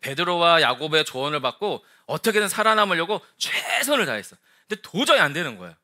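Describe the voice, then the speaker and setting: A male pastor preaching a lively Sunday sermon, acting out the quoted voices as he tells the story. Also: fairly high pitch, quick pace.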